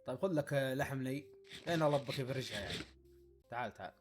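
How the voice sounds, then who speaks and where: Speaking fast in a mid-range register, a male gaming YouTuber riffs through casual let's-play commentary with faint game music underneath. He's excitable and playful, talking to the animals in his game as much as to himself.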